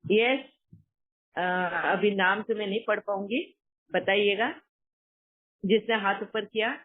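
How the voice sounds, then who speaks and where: A woman spiritual teacher leading an online session, calmly reassuring and guiding a caller. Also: mid-range voice, takes it slowly. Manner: calm, reassuring, affirming with hmm and yes. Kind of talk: spiritual counseling talk. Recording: tinny online call audio.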